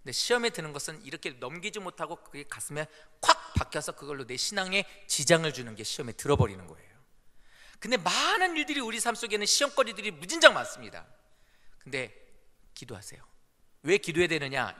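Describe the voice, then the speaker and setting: A man's voice: on the high side, brisk. A male pastor preaching a Sunday sermon in a church, telling stories and acting out the quotes. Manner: animated storytelling with acted-out quotes. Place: church sanctuary. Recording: echoey church hall.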